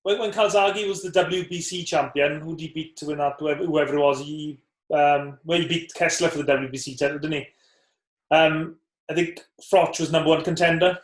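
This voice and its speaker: Man, ex-boxer co-host, thoughtful and reminiscing, slightly high voice, roomy echo. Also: fairly even intonation, normal speed. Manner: thoughtful, recalls memories. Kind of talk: casual chat.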